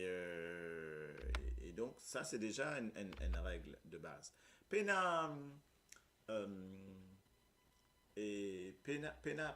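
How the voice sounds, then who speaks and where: A man's voice: lowish voice, a bit bright. A man with a Mauritian accent teaching a Creole lesson, explaining patiently and often checking that his listeners follow. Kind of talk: live language lesson.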